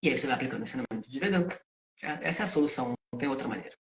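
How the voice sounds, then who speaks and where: A man teaching Vedanta ideas, who poses questions to himself and answers them in a lively spoken lesson. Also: mid-range voice, racing. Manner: asks and answers his own questions. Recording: echoey, dull lo-fi sound.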